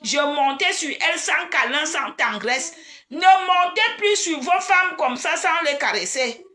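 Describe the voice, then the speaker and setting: A woman, chatting casually and excitedly on a live stream and teasing her viewers. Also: high voice, unhurried. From Cameroon.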